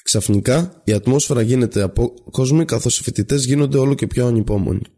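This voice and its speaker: A man narrating a story in a steady, measured reading voice. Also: mid-range voice, slightly rough. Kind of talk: read-aloud story narration.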